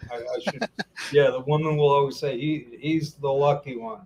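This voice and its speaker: A man's voice: mid-range voice, steady tone, normal speed, a crowd in the background, rough recording. A man hosting a casual live interview, chatty, repeating himself and talking to viewers as folks. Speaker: interview host.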